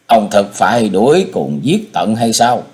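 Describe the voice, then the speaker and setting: A man's voice: on the low side, sing-song, unhurried, a little mellow. A man voicing a resigned, grieving mother in an audiobook story.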